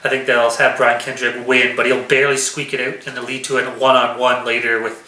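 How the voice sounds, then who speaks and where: A man's voice: mid-range voice, flat delivery, fairly quick, bright, forceful tone. A man co-hosting a casual wrestling prediction chat, announcing each match and giving his picks. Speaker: podcast co-host. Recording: echoey room.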